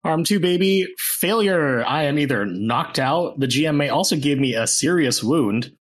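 Playing a tabletop game, a man jokes around and reads out the rules in a slangy, playful way during casual play. His voice is a little high and expressive, at a moderate pace.

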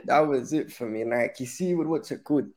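A man's voice: mid-range voice, fairly quick, a loud crowd. A man with a London roadman accent bantering casually about football in street slang. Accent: London, urban street style. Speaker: football fan panellist.

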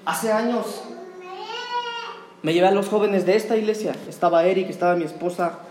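A man's voice: sits high, moderate pace, darkish tone. A man preaching a fervent sermon in a church, calling his listeners "brother" again and again. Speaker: pastor. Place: church sanctuary. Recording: roomy church echo.

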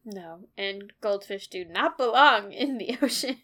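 A woman's voice: mid-range voice, animated, unhurried, fairly bright tone. A young woman co-hosting a podcast, casually retelling a story and acting out the characters' lines. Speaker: podcast co-host.

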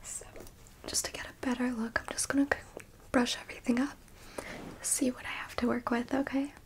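Slow breathy whispering lady doing an eyebrow appointment roleplay, a bit high voice. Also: level tone. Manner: soft close whispering, repeating words. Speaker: beautician in a roleplay. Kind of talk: ASMR roleplay.

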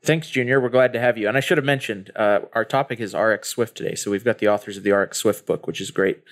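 A man's voice: lowish voice, quick pace. A man hosting a podcast, introducing guests and leading the talk in a casual way. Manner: friendly, leads the talk. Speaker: host.

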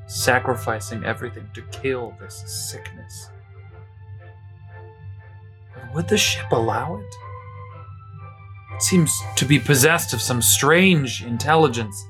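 A man's voice: medium pitch, normal speed, few pauses, a bit bright, soft background music, close to an everyday voice, low-quality recording. An actor playing an embattled, despairing male starship commander in a sci-fi audio drama. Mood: weary despair.

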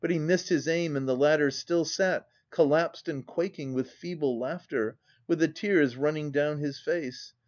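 A man narrating a classic novel as an audiobook reader, in a measured, dramatic reading. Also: on the high side, dull audio. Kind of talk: scripted narration.

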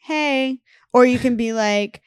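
A woman co-hosts a casual podcast in an easy, chatty manner and reads listener reviews aloud. Her voice has a middle pitch and sits close on a dry mic. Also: lively intonation, moderate pace, dry recording. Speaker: podcast co-host. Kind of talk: casual chat.

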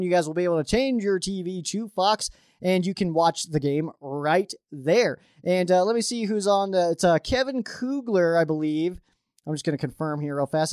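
A man's voice: high-pitched, a little mellow, no room sound, clean studio sound. A man hosting a sports podcast, giving a casual game preview as an open fan, with lots of fillers and restarts. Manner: openly rooting for the team.

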